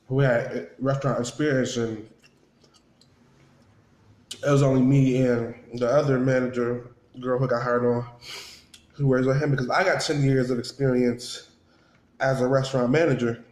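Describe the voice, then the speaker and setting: Between bites, a vlogger recounts a story to his viewers in a medium-pitched, darkish voice with fairly even intonation. He speaks at a moderate pace with long pauses, chewing between phrases, acting out reported dialogue, and repeating for emphasis. The room audibly echoes.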